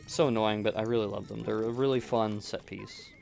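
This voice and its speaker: Gravelly-voiced man chatting over gameplay. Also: on the low side, fairly even intonation, brisk, darkish tone, soft background music. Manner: rambling, self-correcting, chatty. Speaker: gameplay streamer. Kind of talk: relaxed gameplay commentary. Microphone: close desk microphone.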